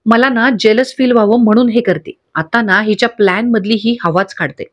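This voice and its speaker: A woman's voice: a little high, steady tone, moderate pace, lightly acted. A woman voicing a scheming, jealous young woman who talks in a sly, mocking way.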